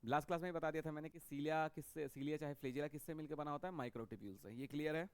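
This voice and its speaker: A man's voice: on the high side, quick pace, smooth, no echo. A man teaching a biology lecture in a classroom style. He repeats key points and keeps checking that students follow him. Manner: repetitive, checks understanding with frequent "okay".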